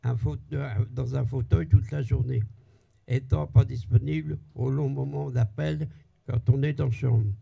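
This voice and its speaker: An older man reads his prepared text aloud, haltingly, stopping to cough and correct himself. His voice is deeply creaky and husky. He speaks slowly in a dark, heavy tone. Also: steady tone, lo-fi sound.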